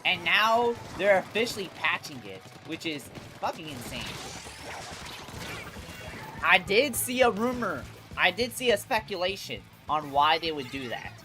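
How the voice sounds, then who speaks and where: Music runs underneath as this livestream host, sounding congested, talks about games at a slightly slow pace. The pitch is medium and the delivery sing-song, full of slang, swearing, and phrases that get repeated or started over.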